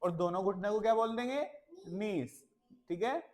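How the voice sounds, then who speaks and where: A man's voice: sits high, normal speed, a little mellow. A male teacher giving a children's English lesson, patiently repeating words and spelling them out letter by letter, mixing Hindi with simple English phrases.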